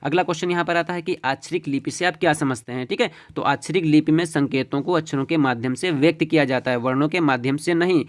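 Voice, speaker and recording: A man's voice: a little high, fast, hardly any pauses. A man teaching an exam-prep lesson, walking through questions and checking in with "ठीक है" and "देखिए" as he goes. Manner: repeats "ठीक है" and "देखिए" as he explains.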